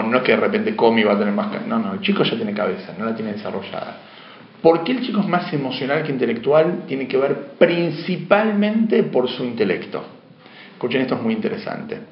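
A man's voice: medium pitch, lo-fi sound. Man lecturing in an echoey classroom. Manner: asks questions and answers them himself. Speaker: teacher.

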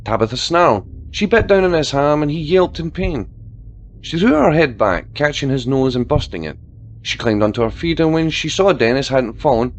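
A man narrating a story aloud in a steady storytelling style and doing voices for the characters. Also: medium pitch, slight background noise.

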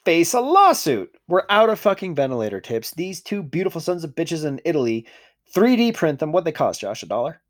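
A man co-hosting a podcast in a casual, profane rant. His pitch swings widely as he gets worked up, and he swears freely while he talks. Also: brisk. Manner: animated, ranting, swears freely. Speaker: podcast co-host.

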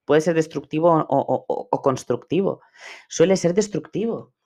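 A man's voice: on the high side, normal speed, mellow. Earnest man coaching on a podcast. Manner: earnest, repetitive, emphatic. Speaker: personal development coach. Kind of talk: podcast monologue.

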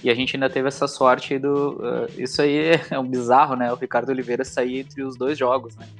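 A man's voice: medium pitch, flat delivery, fairly quick. A man with a gaúcho accent in casual, colloquial sports chat, often ending phrases with tag questions. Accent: southern Brazilian, gaúcho. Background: music under the talk.

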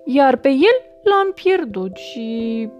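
Little lamb, woman reader, high, pleading, anxious, soft music behind. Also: very animated. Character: small anxious female lamb, tearful.

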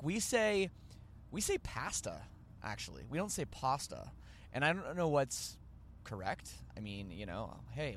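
A man's voice: fairly high pitch, fairly bright tone, slight background noise. A man with a Canadian accent hosting a podcast, rambling and joking as he corrects himself. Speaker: podcast host. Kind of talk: casual podcast chat.

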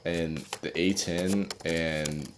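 Young dude with a really deep voice, chill and cussing a lot, noisy background. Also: male voice, extremely slow. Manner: relaxed and slangy, swears a lot. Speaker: friend chatting. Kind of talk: casual chat. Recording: background noise.

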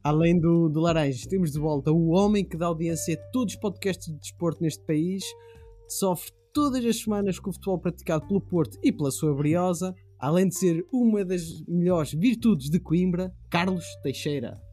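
A man's voice: high-pitched, normal speed, warm tone, soft background music. A man hosting a casual football podcast with a playful, wordy way of presenting. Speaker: podcast host.

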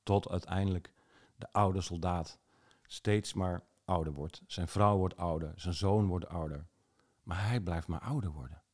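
A man's voice: deep voice, unhurried, a little mellow. A man telling a fairy tale aloud, unscripted, sometimes correcting himself mid-sentence. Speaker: storyteller. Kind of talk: oral fairy tale narration.

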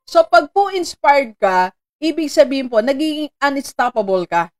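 A Filipino woman hosting a live-streamed motivational talk, chatty and animated, laughing often and greeting viewers by name. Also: high-pitched, moderate pace. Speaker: motivational host.

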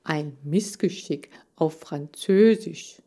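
A woman voicing a clever, calm male hamster who explains things in a measured, dry way. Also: low-pitched. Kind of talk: audiobook character voice.

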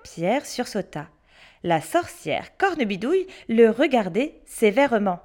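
A woman storyteller reading a children's story aloud, expressive and hushed for suspense. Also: fairly high pitch, measured pace.

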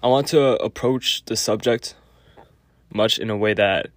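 A man giving a casual spoken lecture with a clogged nose, halting often with fillers and restarts. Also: on the low side, a little hiss or hum. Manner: halting, many fillers and self-corrections. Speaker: podcast host.

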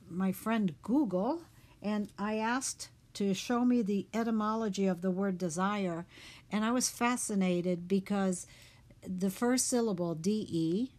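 A woman hosting a reflective talk on the meaning of words, speaking in an unhurried, thoughtful way with fillers. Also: mid-range voice, a little mellow.

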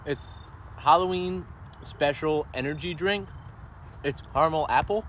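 A man co-hosting a casual podcast chat, playful and quick to laugh. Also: on the high side, a bit bright, slight background noise. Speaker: podcast co-host.

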